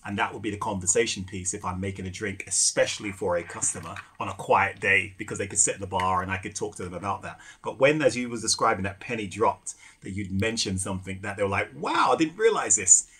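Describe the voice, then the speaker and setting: A middle-aged man telling stories in a relaxed podcast chat, with many fillers and restarts. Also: low voice, fast, few pauses, slightly rough. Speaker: guest, rum ambassador and former bartender. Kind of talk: casual podcast conversation.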